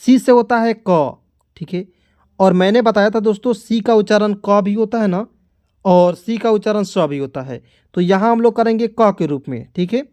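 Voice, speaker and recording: In a phonics lesson for beginners, a man with a high, slightly mellow voice teaches reading English words at a moderate pace, with no echo. He spells each word letter by letter and quizzes the listener again and again, repeating "kya padhenge?" and "theek hai".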